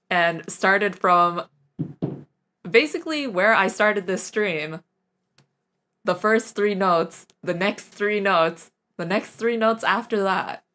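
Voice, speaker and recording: A young woman with a medium-pitched, sharp-toned voice streams a casual recorder lesson. She rambles, pokes fun at herself, and laughs often in this relaxed live-stream chat.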